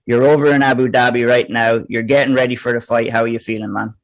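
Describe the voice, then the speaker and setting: A man's voice: mid-range voice, flat delivery, fast. A man hosting an interview, asking polite, structured questions. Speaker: podcast host interviewer.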